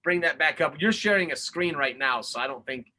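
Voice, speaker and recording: A man hosting an online talk, breaking in with takeaways and rhetorical questions in an energetic, preachy way. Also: on the high side, a little fast. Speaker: host. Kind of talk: webinar talk, interjecting takeaways.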